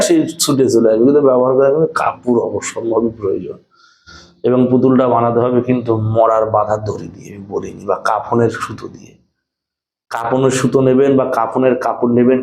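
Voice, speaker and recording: A man teaching tantric mantras in an emphatic, preaching way, slowing down to chant them. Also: mid-range voice, a little mellow, roomy sound, low-quality recording. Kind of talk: instructional talk with chanted mantras.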